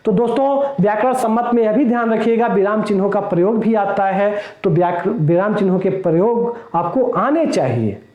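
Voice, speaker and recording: High-voiced male teacher, echoey room. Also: phone-quality sound. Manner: explains slowly, repeats points, asks rhetorical questions. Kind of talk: classroom lecture. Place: classroom.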